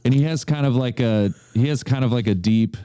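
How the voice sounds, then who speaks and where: A man's voice: mid-range voice, brisk, warm tone, clear, resonant tone, dry recording. A man chatting as a podcast guest, hesitant and self-deprecating, with lots of fillers. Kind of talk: casual chat.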